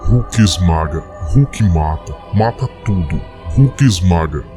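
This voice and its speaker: Guy putting on a huge growly monster, super deep voice, speaks in chopped phrases, music loud behind him. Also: animated, takes it slowly. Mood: raging. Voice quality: deep, growling, short broken sentences. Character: brutal hulking green male monster, pained.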